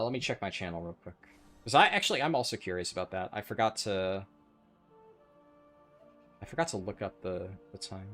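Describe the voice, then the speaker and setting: A man's voice: lowish voice, a bit bright. A man chatting casually and sardonically as he commentates on his gaming livestream. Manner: sardonic, sweary. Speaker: live streamer, speedrunner.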